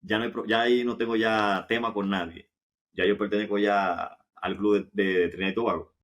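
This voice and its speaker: Low-voiced Dominican man telling stories. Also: steady tone, a little fast, fairly bright tone. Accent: Dominican Caribbean Spanish. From Dominican Republic. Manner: conversational, often asks rhetorical questions and repeats himself. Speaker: interview guest, professional football goalkeeper. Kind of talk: casual anecdotal storytelling.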